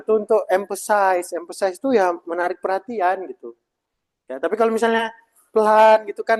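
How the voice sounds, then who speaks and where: High-voiced, lively male workshop trainer. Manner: lively, emphatic, keeps asking the audience for replies. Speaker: presentation trainer. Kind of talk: live workshop teaching. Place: meeting room with a live audience and a video call.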